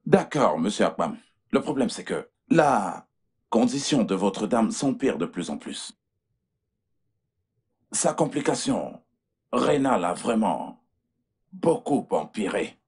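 A man playing a serious hospital doctor in a dubbed film, explaining things slowly and patiently. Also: lowish voice, very animated, a little mellow, husky, full character voice. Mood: grave. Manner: measured, explaining.

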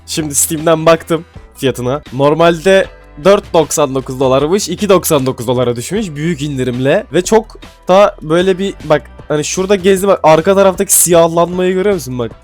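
A man giving casual gameplay commentary, excitable and swearing casually, then dropping to mumbling asides. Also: fairly high pitch, fairly quick, few pauses. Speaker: gaming YouTuber. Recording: faint music behind.

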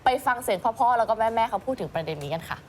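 A woman's voice: mid-range voice, animated, a little mellow, slight background noise. A woman co-hosting an entertainment news show, bantering playfully with her partner. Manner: quick, playful banter with co-host. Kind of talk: lively co-hosted entertainment news chat.

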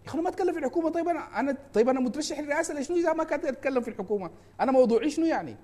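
A man with a Sudanese Arabic accent, a presidential candidate giving an impassioned campaign talk, fast and fervent, with frequent hesitations and restarts. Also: extremely high pitch, expressive, warm tone.

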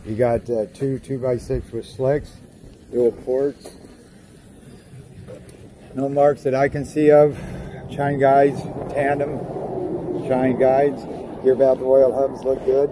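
A plain-spoken man walking around a boat outdoors, listing its parts and specs in a casual commentary. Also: medium pitch. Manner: plain-spoken, rattles off specs and part names. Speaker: boat inspector walking through a boat. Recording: outdoor recording with clear street noise.

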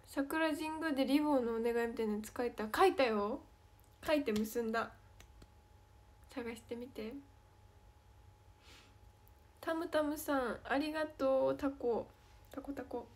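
A woman's voice: sits high, unhurried, pauses often, darkish tone. A young woman with a Kansai Japanese accent, chatting playfully on a livestream as she reads fan comments aloud and answers them. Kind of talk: casual livestream chat.

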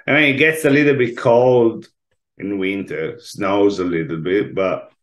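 Calling in from a room at home over video, an Italian chef in his forties, with an Italian accent, chats casually with an interviewer in a rather low, slightly slow voice. A laptop mic records him.

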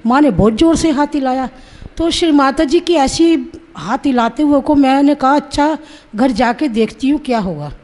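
A woman in her sixties recounts a personal testimony in an earnest, vivid way, voicing her own remembered words as she goes. Her voice sits high for a woman, yet its tone is warm and mellow rather than sharp. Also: moderate pace. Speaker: Sahaja Yoga practitioner giving a testimony.

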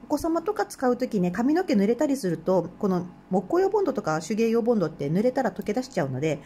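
A woman's voice: fairly high pitch, very animated, fast, mellow, a little hiss or hum. A woman with a Hokkaido Japanese accent, hosting a craft channel and chatting casually while she works, laughing often and murmuring to herself. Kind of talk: casual craft tutorial chat.

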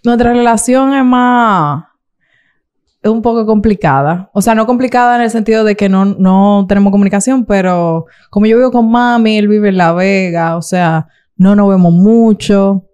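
Young Dominican woman, animated chat. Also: mid-range voice, moderate pace, clear, resonant tone. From Dominican Republic. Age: young adult. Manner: animated, acts out quoted voices, laughs often. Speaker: guest YouTuber. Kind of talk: casual interview talk.

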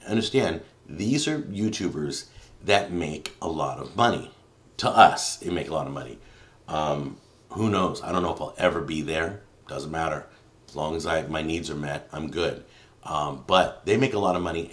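A deep-voiced man hosting a live stream from a home studio. He talks in a loose, opinionated way, pushing hard on some words and then dropping to a mutter as he scrolls through viewer comments. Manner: opinionated, emphatic, swings between loud and muttering. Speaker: YouTube cooking show host.

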